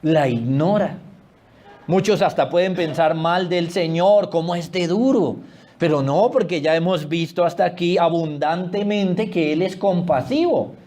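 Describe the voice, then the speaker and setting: A man preaching a sermon as pastor, swinging between loud exclamations and hushed low asides. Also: unhurried.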